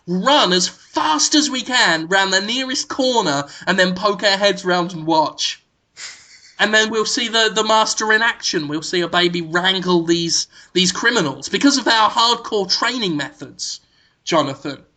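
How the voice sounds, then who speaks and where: A man co-hosting a comedy podcast, laying out a ridiculous plan in a deadpan, mock-serious way, with plenty of ums and uhs. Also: sits high, measured pace. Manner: frequent filler ums and uhs. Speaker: podcast co-host.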